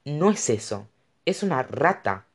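A woman's voice: a bass voice, very animated, a little slow, husky, voice pushed up, heavily acted. A narrator voicing a tipsy, indignant young woman who talks defensively and rambles in an audiobook. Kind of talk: audiobook character voice.

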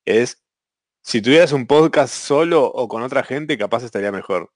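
A man with a Rioplatense Spanish accent answers as a podcast guest in casual chat, joking with dry humor. His pitch swings widely, and the recording sounds close and dry. His voice sits at a middle pitch. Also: expressive, moderate pace, no echo.

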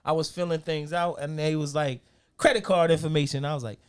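A man's voice: a little high, brisk, clean tone. A man chatting casually on a podcast with crude, slangy frat-bro banter, acting out stories as he tells them. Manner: animated storytelling, acts out quotes. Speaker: podcast co-host. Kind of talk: casual comedic banter with friends.

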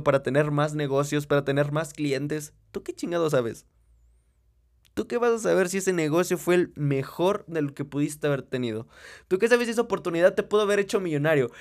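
A young man with a Mexican accent giving a blunt, profane motivational monologue straight to the listener. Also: on the high side. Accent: Mexican Spanish. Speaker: motivational speaker.

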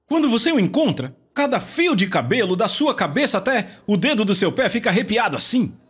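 A male preacher with a husky, breathy voice that sits fairly high. His delivery swings widely in pitch as he mocks how people pray and bursts into shouts. It is a lively, theatrical sermon. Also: a little fast. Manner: animated, mocking mimicry of believers, rising to shouts.

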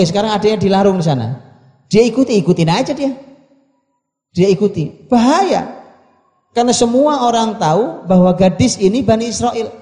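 Mellow preacher in an echoing hall. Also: male voice, sits high. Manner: repeats phrases and asks the audience rhetorical questions; recites Arabic verses slowly between quick explanations. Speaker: Islamic preacher. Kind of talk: sermon explaining Quranic Arabic. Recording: echoey hall with long reverb.

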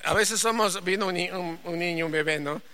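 A woman preaching a sermon to a congregation, dropping to a hush and then rising to loud, emphatic calls, and asking the listeners to repeat her phrases. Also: fairly low pitch, fairly quick.

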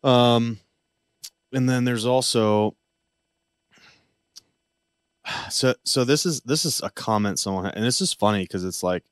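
A man's voice: medium pitch, moderate pace, clear, resonant tone, no room sound, clean studio sound. A man co-hosting a podcast, rambling casually with jokey asides and restarts. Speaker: podcast co-host. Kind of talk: casual chat.

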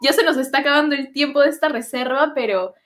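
A woman hosting a casual podcast, playful and quick with jokes. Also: high-pitched, crowd noise. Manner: playful, joking interjections. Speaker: podcast host.

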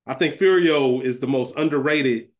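A podcast co-host speaks at a medium pitch and normal speed, bantering casually about a fantasy draft. He uses plenty of slang and repeats phrases for emphasis.

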